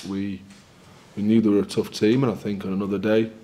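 A man in his forties, a rugby head coach answering post-match questions at a press conference in a candid, measured, upbeat way. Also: on the low side, level tone, warm tone. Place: small indoor press room in front of a sponsor backdrop.

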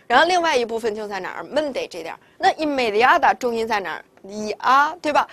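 女老师，讲课时不停自问自答. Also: female voice, on the high side. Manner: explains step by step, asks rhetorical questions. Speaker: Spanish teacher. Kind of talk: recorded vocabulary lesson.

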